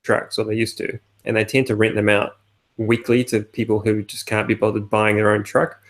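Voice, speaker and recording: A man's voice: lowish voice, completely flat delivery, normal speed. A man co-hosting a casual podcast, talking in a hesitant, matter-of-fact way with many fillers. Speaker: podcast co-host. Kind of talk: casual chat.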